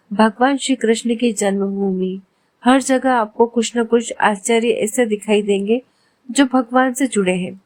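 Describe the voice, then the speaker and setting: A woman calmly and reverently narrating a devotional religious story. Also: on the high side, no room sound.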